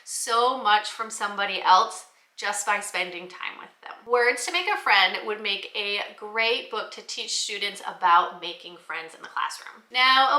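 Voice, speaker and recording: A woman with a mid-range, sharp-toned voice talks in an echoey room. She's an educator casually explaining her classroom book recommendations in a conversational, instructional talk.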